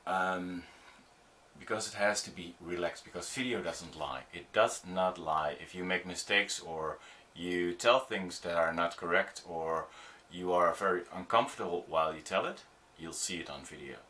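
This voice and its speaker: A man's voice: deep voice, sharp tone. A middle-aged man, giving an informal video tutorial on performing for the camera, with frequent ums and restarts. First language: Dutch. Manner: halting, many ums and restarts, demonstrative. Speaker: audiovisual producer teaching on-camera skills.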